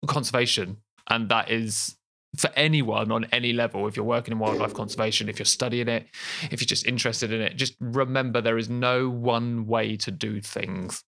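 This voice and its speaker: A man's voice: mid-range voice, fairly even intonation, normal speed, creaky, sharp tone. A man hosting a podcast, chatting casually with playful asides and frequent laughs. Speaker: podcast host and guest. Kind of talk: casual chat.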